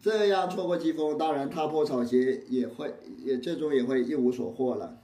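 A man giving a line-by-line lecture on a classical Zen text. He recites each old line slowly, then explains it in plain words. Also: mid-range voice, dark tone. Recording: roomy echo.

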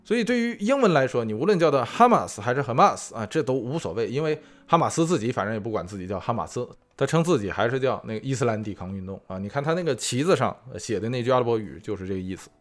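Male food-show host, animated pitch, chatty explainer full of asides. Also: fast, hardly any pauses. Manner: chatty, many fillers and rhetorical asides. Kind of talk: casual explainer monologue. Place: lives in California.

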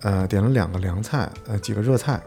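A man, co-hosting a podcast and telling a story in lively casual chat, acting out an argument. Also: fairly low pitch, brisk, creaky, faint music behind. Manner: animated storytelling, acting out an argument with restaurant staff. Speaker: podcast co-host.

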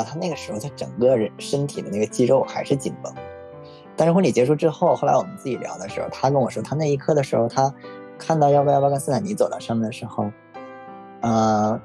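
A man casually telling a personal story in a relaxed, frank, reflective way. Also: mid-range voice. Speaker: story guest.

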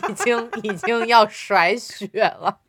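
A woman's voice: medium pitch, takes it slowly, fairly bright tone. A woman podcast co-host in casual chat, chiming in with short teasing remarks and laughs.

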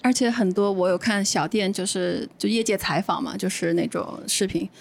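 A woman chatting casually on a podcast, telling stories in a quick, chatty way. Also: mid-range voice, creaky. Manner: fast, chatty storytelling. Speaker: podcast co-host.

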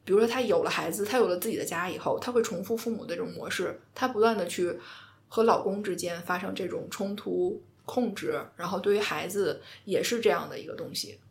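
A woman, co-hosting a casual podcast chat. She explains in a calm, steady voice, like a counselor walking through a case. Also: medium pitch, fairly quick, vocal fry. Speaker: astrology co-host and counselor.

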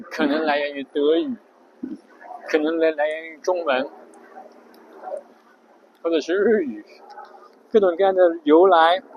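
This audio show's host, a man with a fairly high pitch, talks through vocabulary in a chatty monologue full of fillers as he thinks aloud. The audio is dull, with a little hiss or hum.

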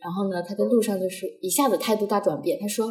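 Young woman, podcast co-host, lively storyteller who laughs easily and does the voices; mid pitch; echoey room sound. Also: fast. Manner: animated, laughing often, acts out quotes. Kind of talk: casual storytelling chat.

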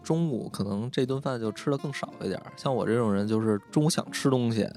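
A man's voice: medium pitch, fast, darkish tone, soft background music. A man, chatting casually in blunt, colloquial phrases. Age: 30s or older. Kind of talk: casual podcast chat.

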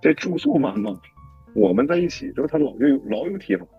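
A man with a Northeastern Chinese accent, co-hosting a podcast and recalling school days in a halting, hesitant way. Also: a little high, very animated, darkish tone, slightly rough, lo-fi sound, soft background music. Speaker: podcast co-host. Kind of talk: casual chat.

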